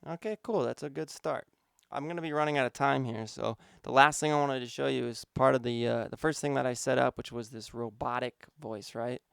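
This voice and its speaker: A man's voice: medium pitch, steady tone, fairly quick, vocal fry, smooth, no echo, studio quality. A man, a music producer, casually walking through his vocal mixing steps, thinking aloud with some fillers. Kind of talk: casual instructional walkthrough.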